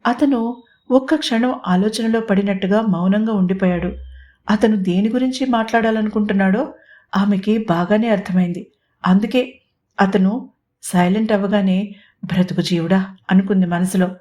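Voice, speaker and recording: A woman's voice: mid-range voice, normal speed, mellow. Woman reading a love story aloud. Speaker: narrator. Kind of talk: audiobook story narration.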